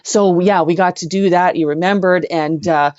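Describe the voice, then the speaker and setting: With a lowish, slightly mellow voice and fairly even intonation, a rock singer tells casual stories at a moderate pace as an interview guest. She is still effusive and emphatic, repeating herself to drive points home, and the audio is dull, lo-fi and echoey.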